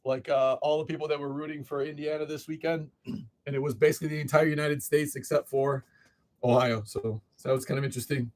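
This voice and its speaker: A man from Illinois keeps up brisk, casual livestream chat while hosting a sports card break, welcoming viewers by name. His voice is a little high and steady with a darkish tone, and it sounds slightly off.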